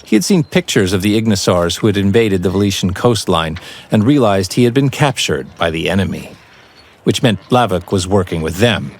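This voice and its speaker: A man narrating a fantasy audiobook in a measured, even storytelling voice. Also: sits low.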